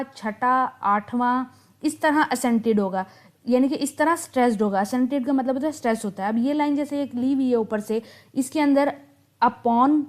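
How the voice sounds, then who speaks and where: A young woman with a Pakistani accent giving a patient literature lecture, reading English verses slowly and explaining them step by step. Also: a little high, darkish tone. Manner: patient, explanatory, counts syllables aloud, slow careful reading of English verses. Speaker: literature teacher.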